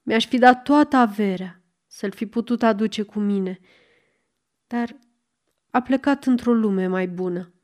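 A woman's voice: fairly high pitch, long pauses, a little mellow, close to an everyday voice. A woman narrator voicing a kind, earnest young man in a storybook reading, close to her own voice. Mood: sorrowful.

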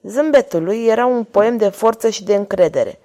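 Woman steadily narrating an audiobook. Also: medium pitch. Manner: steady, measured reading.

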